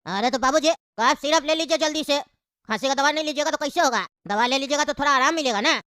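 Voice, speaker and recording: A fussing grown son, as a woman voices him in a cartoon, rattling off advice in a quick, high, bright voice. The recording is dry. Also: no room sound. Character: worried adult son on a phone call. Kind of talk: cartoon voice acting.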